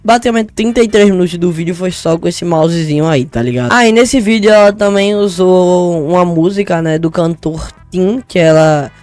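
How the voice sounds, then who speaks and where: Casual male vlogger, quick jokey delivery, dry close mic, faint music underneath. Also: high-pitched, darkish tone, dry recording. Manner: quick, joking, swears, rambling asides. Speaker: vlogger reacting to a language lesson. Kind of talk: casual chat.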